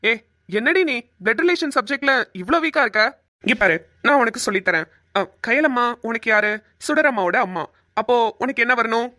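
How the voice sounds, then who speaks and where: A woman voicing a silly, talkative young husband in a cartoon who gets confused easily and rambles excitedly. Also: fairly high pitch, brisk, no room sound, studio quality. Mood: comic. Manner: excitable, rambling comic delivery. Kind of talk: cartoon voice acting.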